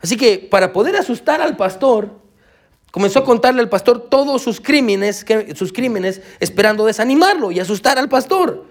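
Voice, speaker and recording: A man's voice: extremely high pitch, moderate pace. A pastor preaching a sermon, telling a story with animation and calling his listeners brother. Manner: animated storytelling, acts out quoted voices.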